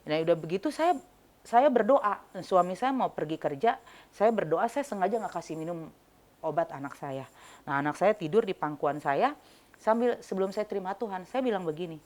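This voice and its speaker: A woman telling her personal faith story in an interview, animated and reliving the moments she describes. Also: on the low side, moderate pace. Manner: animated storytelling, reenacting her own words. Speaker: church member giving testimony.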